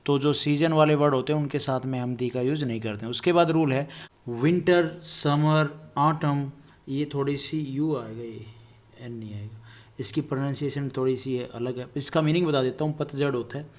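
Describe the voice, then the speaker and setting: A man teaches English grammar to a class in Hindi, speaking in a casual, explanatory way and addressing the students directly. When he reaches the English examples or word lists, he slows down and reads them out one by one, sometimes saying a word twice. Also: mid-range voice, fairly even intonation. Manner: lists words one by one, repeating some.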